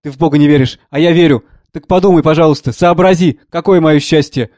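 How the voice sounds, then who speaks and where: A man's voice: a little high, quick pace, darkish tone, no echo, clean studio sound, natural voice. A man voicing a tearful, resentful middle-aged wife and mother who pleads and accuses. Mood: distraught.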